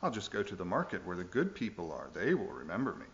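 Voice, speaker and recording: A man's voice: wildly swooping pitch, fast, dull audio, full character voice. A man voicing a proud, self-important donkey in a story told within a sermon, speaking indignantly and in a raised voice. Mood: cross. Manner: indignant, strutting, raised pitch. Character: proud, self-important male donkey, cross when ignored. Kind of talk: storybook read-aloud in a sermon.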